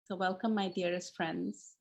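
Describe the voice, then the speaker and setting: A woman giving a gentle, blessing-like welcome to a conference over a video call. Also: fairly low pitch, level tone, moderate pace, gravelly, poor audio.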